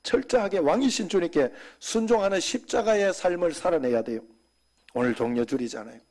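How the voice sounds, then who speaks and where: Korean-style church sermon, guy pastor with a higher voice, chatty then goes real quiet sometimes. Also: lively intonation, fairly quick. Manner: conversational preaching with sudden drops to soft asides. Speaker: senior pastor.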